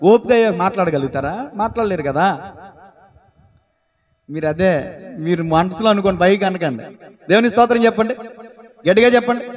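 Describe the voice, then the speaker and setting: Very high-voiced man preaching. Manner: lively storytelling, calls on listeners to answer aloud. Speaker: pastor. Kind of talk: sermon to a congregation. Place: church.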